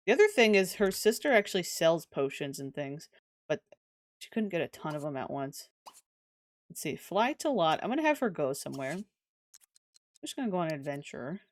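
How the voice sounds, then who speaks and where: Chatty woman streamer, slightly low voice. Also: no echo. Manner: chatty, talks to game characters, giggly asides. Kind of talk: casual live gameplay commentary.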